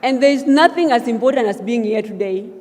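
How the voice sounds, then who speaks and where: This is an acceptance speech by a young adult woman from South Sudan, just elected head of a student association and sworn in before a large, reverberant hall. Her delivery is earnest and emphatic, rising to thanks, in an expressive, somewhat high, darkish voice that runs a little fast.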